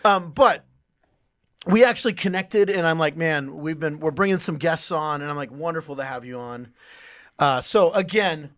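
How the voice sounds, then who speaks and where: A man's voice: fairly high pitch, normal speed, fairly bright tone. A man hosting a podcast in a casual, upbeat, chatty way, laughing often. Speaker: podcast host. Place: studio room with others.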